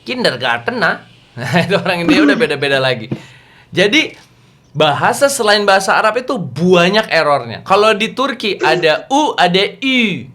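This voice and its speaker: A man teaching a youth religious class over a video call, playful and animated, quizzing his listeners as he talks. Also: sits high, moderate pace, slight background noise. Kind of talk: lively lecture to teens.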